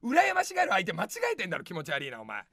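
A man in his thirties, a comedian on a livestream, reading viewers' comments and snapping back at each one in a ranting, shouting manner, recorded in a studio. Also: high-pitched, wildly swooping pitch, rapid-fire, vocal fry, dry recording. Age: 30s. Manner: snapping, ranting retorts with frequent shouted outbursts. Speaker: comedian streamer. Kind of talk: improvised angry comment replies on a livestream.

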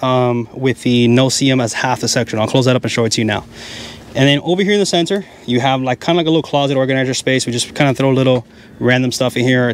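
A man's voice: medium pitch, slight background noise. A man in his thirties casually walking through a big camping tent, chatty and explaining as he points things out, speaking into a handheld mic. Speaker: camping vlogger giving a tent tour. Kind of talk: casual walkthrough. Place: inside a large tent at a wooded campground. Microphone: handheld mic in hand.

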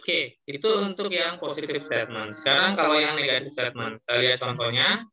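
A man's voice: medium pitch, animated, a little fast, pushed and bright, dull audio, a little hiss or hum. A man teaching an online English listening class, explaining patiently and reading English examples aloud.

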